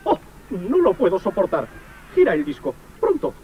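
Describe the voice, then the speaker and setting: A man's voice: high voice, very animated, normal speed, narrow, tinny audio. A man playing a fussy, anxious protocol droid with a prim manner and a Castilian Spanish accent, in an old television clip. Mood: fretful. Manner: prim, fretful.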